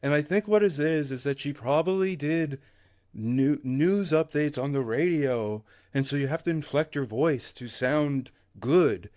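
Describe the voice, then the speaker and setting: A man's voice: a little high, a little slow, a little mellow, no echo, studio quality. A man streaming an election night reaction, ranting and rambling with lots of filler words. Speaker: streamer hosting election watch. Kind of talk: casual reaction chat.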